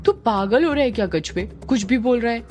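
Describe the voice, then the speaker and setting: A woman's voice: on the high side, expressive, brisk, darkish tone, soft background music, close to an everyday voice. A woman voicing a nervous, irritable young village man who scolds his joking friend.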